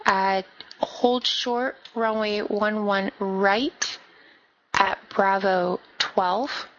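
A woman working as an air traffic controller, reading clearances over the radio in brisk, clipped phraseology. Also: medium pitch, fairly even intonation, fairly bright tone. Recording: dull band-limited radio audio.

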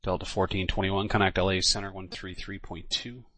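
A man's voice: sits low, flat delivery, a little fast, sharp tone, dry recording. A man working as an air traffic controller, giving clipped, official radio instructions.

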